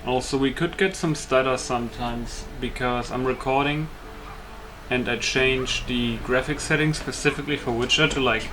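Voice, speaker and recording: A man voices over his own gameplay in a casual, informal let's play, his commentary hesitant. His medium-pitched voice is steady and moderately paced, the audio is poor, and loud game music plays in the background.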